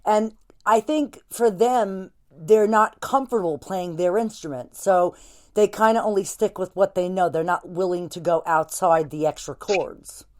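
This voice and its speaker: A woman's voice: on the low side, measured pace, a little mellow, no echo, studio quality. A woman in her forties hosting a casual interview, laughing often and swearing freely. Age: 40s. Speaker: podcast host.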